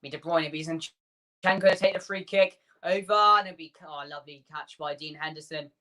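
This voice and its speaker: A man hosting a fan watchalong, calling the match player by player in quick bursts and chatting with his viewers between the action. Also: fairly high pitch, fairly even intonation, sharp tone. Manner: rapid player-by-player calls, chatty asides to viewers. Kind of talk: live play-by-play fan commentary.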